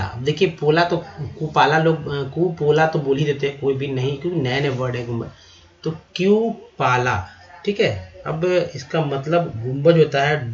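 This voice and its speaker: Man, English vocabulary teacher, spells words letter by letter, echoey room, dull lo-fi sound. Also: medium pitch. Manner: explains pronunciation slowly, spells out letters, repeats words. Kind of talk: vocabulary lesson.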